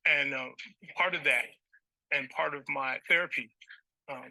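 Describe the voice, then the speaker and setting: A man litigant defending himself to a judge, halting and stammering, often repeating his words. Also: medium pitch, vocal fry, pushed and bright, dry recording, poor audio. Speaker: litigant on a TV court show.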